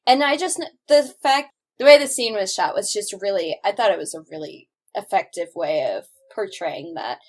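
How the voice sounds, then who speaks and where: Woman podcast cohost, middle pitch, gets into it, does the character lines. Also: normal speed, few pauses. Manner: animated, acts out movie lines while retelling. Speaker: podcast co-host. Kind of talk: casual chat.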